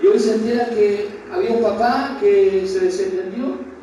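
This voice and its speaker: A man's voice: high-pitched, fairly even intonation, moderate pace, dark tone. A man, preaching a Bible study sermon in a church hall and putting questions straight to the congregation with passion. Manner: impassioned, questions the congregation directly. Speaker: pastor. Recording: very echoey hall, voice from far off with background noise.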